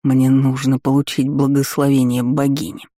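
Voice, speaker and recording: A man voicing a domineering, threatening male dragon lord, slow and clipped in an audiobook. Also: medium pitch, completely flat delivery, warm tone, no echo, clean studio sound, natural voice. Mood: menacing.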